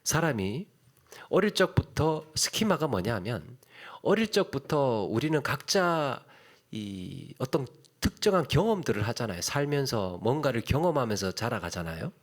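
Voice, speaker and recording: A man's voice: medium pitch, very animated, moderate pace. A man preaching a sermon in a church, talking conversationally, repeating his phrases and putting questions to the congregation. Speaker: pastor.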